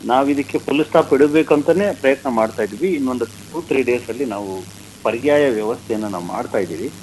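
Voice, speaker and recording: A man speaking by phone in a news interview as a fan group's state president, measured and slow, then building to heated emphasis. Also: mid-range voice, darkish tone, slight background noise, rough recording. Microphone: phone line.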